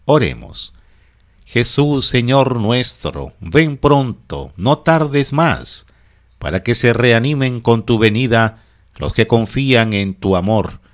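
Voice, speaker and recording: Male prayer leader, mid-range voice, unhurried, solemn liturgical recitation in measured phrases. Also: mid-range voice, animated.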